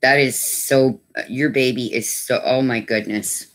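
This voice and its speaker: Low-voiced chatty woman hosting a craft stream. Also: steady tone, a little slow. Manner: chatty and doting, coos baby talk to her dogs. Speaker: craft channel host. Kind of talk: casual livestream chat.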